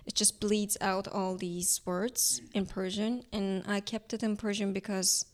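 In a reflective interview conversation, a young Iranian artist, a woman whose first language is Turkish, speaks English as a later language with an Iranian accent. Her voice is mid-range and level in tone, her delivery thoughtful and halting as she searches for words.

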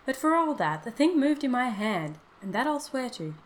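A woman voicing a stubborn, slow-witted old husband in a storybook reading, insistent in tone. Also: fairly high pitch, very animated, a little hiss or hum, voice pushed up.

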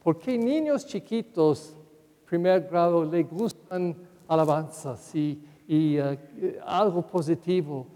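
Older male parish priest for a Sunday homily: unhurried, anecdotal storytelling in a fairly high, mellow voice, church echo.

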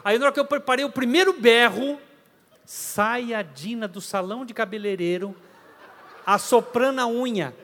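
A man preaching a story-driven sermon in a dramatic, animated manner, rising at times to shouts. His voice is high for a man. A long hall reverb trails every phrase. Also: normal speed.

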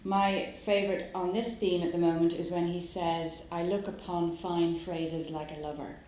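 Speaking warmly in a lowish, level voice, this Irish poet from Dublin pauses on fillers as she reflects on her work, then reads the poems aloud. The live reading takes place in a room with heavy echo.

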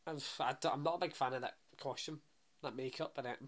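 A man's voice: medium pitch, fairly even intonation, fairly quick, fairly bright tone. Teasing Scottish guy, blunt banter. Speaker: podcast co-host. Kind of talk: casual chat.

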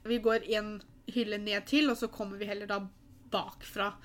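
A young woman casually retelling a surprise with a friend, animated and giggly. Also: mid-range voice. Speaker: friend of the bride. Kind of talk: casual storytelling chat.

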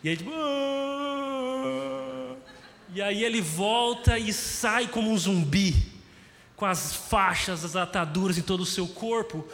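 A man's voice: high voice, a little slow, a bit bright. A man preaching a sermon, telling the story and acting out its scenes. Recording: long hall reverb.

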